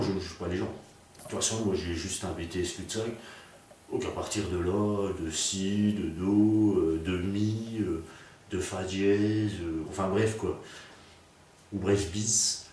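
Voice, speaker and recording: A man telling a rambling comic story full of puns and fillers, recorded from a distance in a very echoey room. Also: low-pitched. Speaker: comedian. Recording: very echoey, distant, faint noise.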